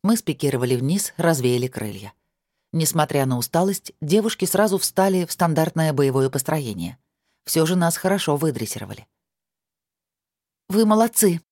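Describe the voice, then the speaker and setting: A woman reading a first-person fantasy novel aloud in an even, measured storytelling manner. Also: low voice, no echo, studio quality. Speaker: audiobook narrator.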